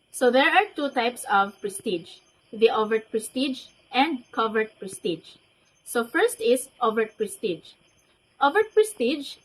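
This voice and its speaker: A young woman presents her part of a class report, with each point joined by a quick "so". Her voice is high-pitched and steady. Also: rough recording. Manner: explanatory, with frequent "so" to link points. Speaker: student presenter.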